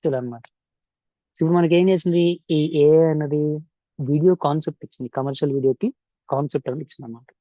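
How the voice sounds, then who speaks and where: A man's voice: a little high, fairly even intonation, fast, mellow, no echo, highs cut off. A man with a Telugu accent giving an informal step-by-step tutorial voice-over, switching between Telugu and English mid-sentence and repeating instructions. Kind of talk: informal software tutorial narration. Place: indoor voice-over for screen recording.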